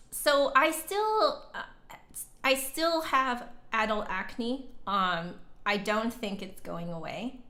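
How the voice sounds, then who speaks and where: A flute musician and teacher hosts a casual livestream, reading and answering viewer comments while thinking aloud in a rambling, hesitant manner. Her fairly high voice is a bit bright, and the indoor sound is roomy and echoey.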